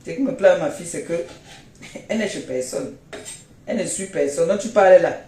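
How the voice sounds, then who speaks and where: A woman's voice: lowish voice, moderate pace, warm tone, echoey room, slight background noise. A woman with a Cameroonian French accent, feeling unwell, scolding and mocking someone in repetitive jabs during a phone live stream. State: unwell, tired.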